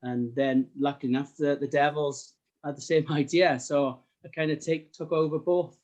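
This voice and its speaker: A man's voice: fairly high pitch, steady tone, moderate pace, a little mellow, muffled recording. A middle-aged man with a South Wales Valleys accent, chatting casually in an interview in a modest, hesitant way. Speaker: podcast guest, sports graphic designer.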